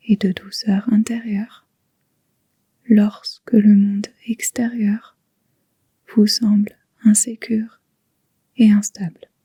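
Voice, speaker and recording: A yoga nidra guide, a woman with a mid-range voice, leads a relaxation session in a soft, very breathy, near-whispered tone. She speaks slowly and gently on an even, level pitch, leaving long pauses between phrases, in a dry recording.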